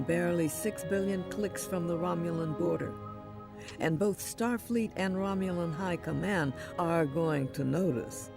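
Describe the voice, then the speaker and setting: A woman's voice: lowish voice, creaky. A woman playing a commanding, dryly witty starship captain in a science fiction audio drama. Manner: dry, authoritative. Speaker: voice actor.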